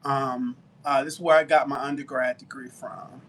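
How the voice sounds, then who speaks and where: A man's voice: mid-range voice, steady tone, normal speed. A man from Alabama with a Southern accent, chatting casually with viewers on a live baking stream. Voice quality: talkative, warm down-home manner. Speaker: baker and live-stream seller.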